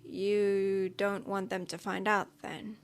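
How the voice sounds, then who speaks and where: A woman's voice: flat delivery, slow. A woman voicing a blunt, sweary young female student who exclaims and swears when pushed. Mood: worried. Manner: exclaiming and swearing, pitch jumps up. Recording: music playing behind the voice.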